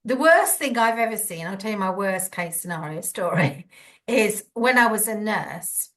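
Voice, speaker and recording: A woman, a former nurse, guesting on a podcast and telling anecdotes with lively quoted dialogue. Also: mid-range voice. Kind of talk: conversational storytelling. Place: podcast interview.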